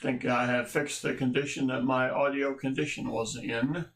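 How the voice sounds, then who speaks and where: A man's voice: mid-range voice, fairly even intonation, moderate pace, a bit bright, echoey room. A man hosting a casual livestream, greeting viewers by name with wry, rambling jokes and asides. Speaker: livestream host.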